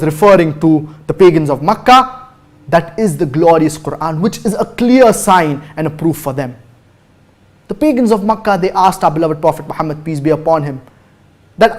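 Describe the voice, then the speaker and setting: A man giving a religious lecture and answering questions. He cites chapter and verse, recites Arabic quickly, then translates slowly with emphasis. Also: fairly high pitch. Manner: formal, measured, cites chapter and verse numbers. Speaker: Islamic preacher answering viewer questions.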